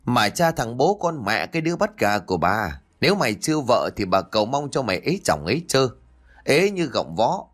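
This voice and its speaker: Here a man takes on the role of a village mother-in-law with a sharp tongue, launching into long, shrill cursing tirades. Every line bites with scolding.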